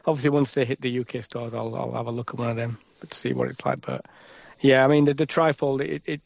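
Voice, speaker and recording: A man with a Yorkshire accent chatting casually as a podcast co-host, with quick, halting restarts. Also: medium pitch, expressive, creaky, darkish tone, no room sound. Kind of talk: casual chat. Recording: dry, slightly muffled.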